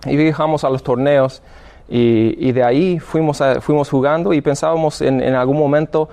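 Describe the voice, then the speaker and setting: A gravelly, dark, mid-range male voice with a steady tone comes from an Illinois seminarian in his 30s. Speaking Spanish hesitantly with an American English accent, this native English speaker gives radio interview testimony as a guest, halting and restarting many times.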